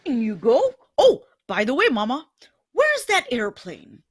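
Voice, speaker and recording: A woman's voice: sits high, huge pitch swings, measured pace, husky, full character voice. Jolly old Santa Claus, voiced by a woman. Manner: jolly, chuckling. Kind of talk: live reading of an old-time radio play.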